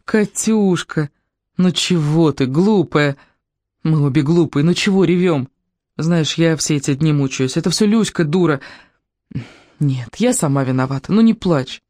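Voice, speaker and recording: An audiobook reader voicing an impulsive, warm-hearted schoolgirl who talks quickly and earnestly. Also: medium pitch, lively intonation, no echo, studio quality. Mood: pleading. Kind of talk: audiobook character reading.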